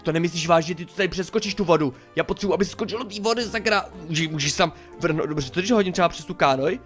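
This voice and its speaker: A young man chatting excitedly through a game as a YouTuber, exclaiming and mildly swearing as he plays. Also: sits high, faint music behind. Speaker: gaming YouTuber. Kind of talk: casual game commentary.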